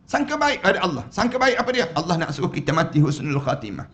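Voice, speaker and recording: High-voiced Malaysian Malay preacher. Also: male voice, sing-song, fast, fairly bright tone. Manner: storytelling, acts out quoted voices. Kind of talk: mosque lecture. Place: mosque hall.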